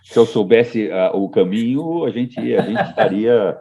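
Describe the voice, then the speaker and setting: A man talking on a podcast in a low, husky voice that swings widely in pitch. He thinks aloud, hesitating and restarting his sentences. The recording sounds dull and lo-fi. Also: lively intonation, a little slow, mellow. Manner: reflective, hesitant with repeated restarts. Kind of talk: casual podcast conversation.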